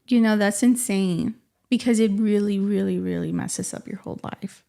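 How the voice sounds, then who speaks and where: A woman co-hosting a podcast in casual, animated conversation, often adding "you know what I mean" and "man". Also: mid-range voice, moderate pace, vocal fry. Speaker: podcast co-host. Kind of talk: casual chat.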